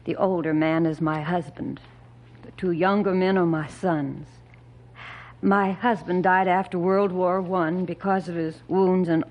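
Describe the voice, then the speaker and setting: A gentle yet firm older widow from an old radio show. Her voice sits unusually low for a woman, calm and earnest, turning solemn when she reads scripture. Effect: old radio show broadcast. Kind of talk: 1950s radio drama acting.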